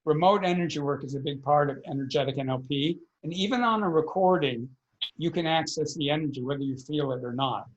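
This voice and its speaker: A man's voice: on the high side, fairly quick, muffled recording. A man, a podcast guest, earnestly explaining energy work in a conversational interview, often repeating words as he thinks.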